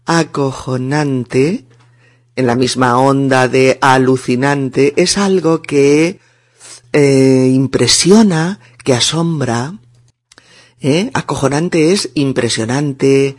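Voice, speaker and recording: A man with a Spain Spanish accent teaching a language lesson, explaining colloquial words deliberately and breaking them into syllables for students to repeat. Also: medium pitch.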